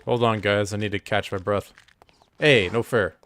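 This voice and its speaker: A man streaming a game live, commenting excitably, swearing and talking to his chat. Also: lowish voice, moderate pace, faint music behind. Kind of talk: live let's-play commentary.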